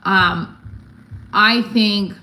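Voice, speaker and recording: A stand-up comedian in her forties chats casually on a livestream, blunt and candid, rambling and often breaking off mid-thought. Her mid-range voice is steady and sharp, with drawn-out words. The recording has roomy echo and some background noise.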